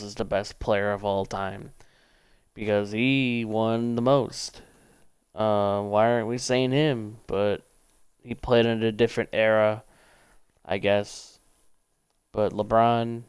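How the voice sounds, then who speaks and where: A young man livestreaming a football video game, thinking aloud in casual, rambling commentary that speeds up in quick bursts. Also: lowish voice, clear, resonant tone, no room sound.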